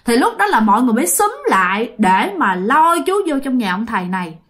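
High-voiced Southern Vietnamese woman storyteller. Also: fast talker. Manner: lively, addresses listeners directly. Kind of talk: ghost story narration to listeners.

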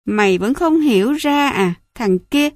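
A woman's voice: a little high, animated, a little slow, no room sound, clean studio sound. A woman voicing a cruel, scornful middle-aged mother who smokes and mocks her son. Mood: sneering. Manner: sneering, mocking, contemptuous.

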